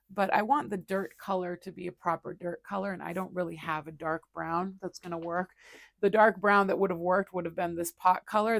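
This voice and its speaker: A woman's voice: mid-range voice, creaky, a bit bright, no room sound. A woman hosting an art livestream, telling stories in casual chat while she draws, rambling with many fillers and restarts.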